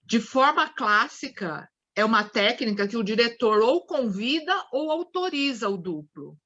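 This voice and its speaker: Brazilian woman teaching psychodrama, slightly high voice, acts out examples, muffled call audio. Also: lively intonation, measured pace, a bit bright. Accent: Brazilian Portuguese. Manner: explains with acted examples, many restarts. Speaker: guest lecturer in psychodrama. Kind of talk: online study group lecture.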